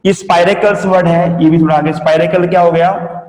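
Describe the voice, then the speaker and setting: A man's voice: high-pitched, steady tone, fairly quick, darkish tone. A man teaching a lecture, explaining step by step and asking and answering his own questions, mixed in. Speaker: agriculture entomology teacher. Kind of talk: classroom lecture. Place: coaching classroom. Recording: echoey classroom with long reverb.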